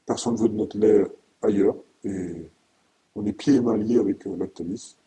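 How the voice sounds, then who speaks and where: A middle-aged French man, a farmer giving halting interview testimony, his voice disguised by deep pitch-shifting. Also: warm tone, low-quality recording. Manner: halting, with repeated words and long hesitations.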